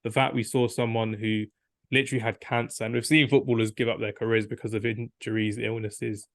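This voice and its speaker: A man's voice: fairly low pitch, little pitch movement, brisk, dry recording, clean studio sound. A young man co-hosting a football podcast, rambling enthusiastically and acting out quotes. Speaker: podcast co-host. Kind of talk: casual football debate.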